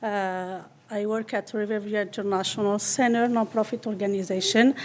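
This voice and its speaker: A woman's voice: medium pitch, fairly even intonation, normal speed, darkish tone, a little hiss or hum. Algerian-accented woman, native Berber speaker. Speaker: program director at a nonprofit. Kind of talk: self-introduction to an audience.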